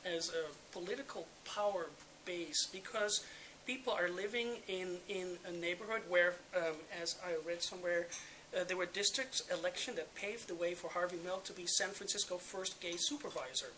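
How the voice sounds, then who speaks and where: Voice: medium pitch, normal speed. Dutch-accented panelist, hesitant with fillers. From Netherlands. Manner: relaxed, hesitant, many ums and uhs. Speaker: urban demographer on a panel. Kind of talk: panel talk to an audience. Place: public roundtable event. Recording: noisy event recording.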